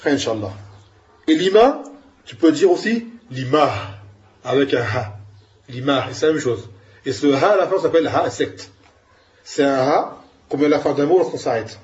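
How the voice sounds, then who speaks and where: A man's voice: medium pitch, expressive, moderate pace, long pauses, a little mellow, highs cut off. A man giving an Arabic grammar lesson, explaining patiently and asking his students questions. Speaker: Arabic teacher.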